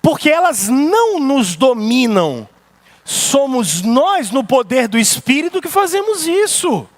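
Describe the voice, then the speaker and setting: High-voiced Brazilian pastor preaching. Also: male voice, sing-song, slow pace. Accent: Brazilian Portuguese. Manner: emphatic, rhetorical questions, acts out examples. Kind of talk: sermon. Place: church sanctuary.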